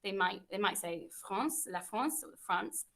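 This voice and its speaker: A woman's voice: medium pitch, a little slow, creaky, bright, forceful tone. A young woman, a French teacher, running a classroom quiz with pupils in an encouraging, chatty way.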